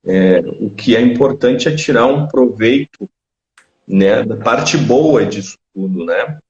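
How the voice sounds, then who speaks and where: A man's voice: mid-range voice, lively intonation, slow, a little mellow. A man hosting a casual interview, talking in a rambling way and correcting himself as he goes. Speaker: interview host. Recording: dull, echoey remote audio.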